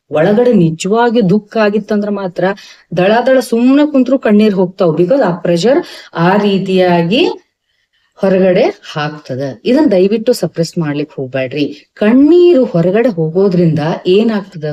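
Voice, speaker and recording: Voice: medium pitch, expressive, moderate pace, mellow, lo-fi sound. An Ayurvedic doctor with a North Karnataka Kannada accent gives a health talk to camera. The doctor speaks emphatically, asks rhetorical questions and mixes in English medical terms.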